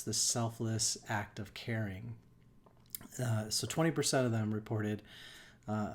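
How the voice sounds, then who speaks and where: A man, a life coach, hosting a live wellbeing talk in an unhurried, reflective way, with frequent ums and restarts. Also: lowish voice, a little mellow.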